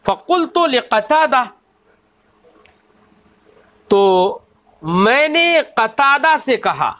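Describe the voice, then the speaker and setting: A man teaching a religious lesson. He reads each quoted line slowly and deliberately, then explains it and often asks rhetorical questions of his listeners. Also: extremely high pitch, very animated, pushed and bright. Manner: slow, deliberate recitation of quoted text. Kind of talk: scripture lesson, reading Arabic then explaining.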